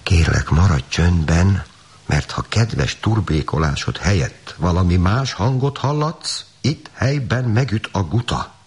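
A man's voice: low voice, animated, a little mellow, husky. A man voicing a flustered, fretful farmer who laments and exclaims. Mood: distraught. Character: flustered middle-aged male farmer, fretful.

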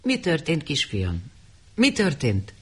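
A man's voice: on the high side, wildly swooping pitch, a bit bright, slightly rough, full character voice. A man playing a worried elderly mother who keeps anxiously asking questions.

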